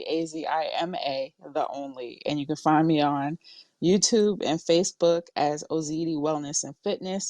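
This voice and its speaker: A woman's voice: low-pitched, a little mellow, no echo. A woman co-hosting a podcast in casual chat, answering with short wry interjections. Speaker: podcast co-host.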